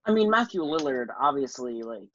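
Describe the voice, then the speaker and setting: A man's voice: mid-range voice, sing-song, brisk, muffled recording, a little hiss or hum. A man who is a podcast guest, talking enthusiastically and filling his sentences with "like" and "um". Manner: enthusiastic, filler-heavy, lots of "like" and "um". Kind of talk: casual podcast discussion.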